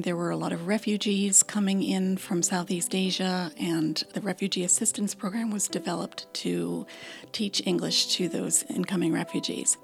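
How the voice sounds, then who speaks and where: A woman program coordinator answering interview questions in a relaxed way, with frequent fillers. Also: mid-range voice, creaky.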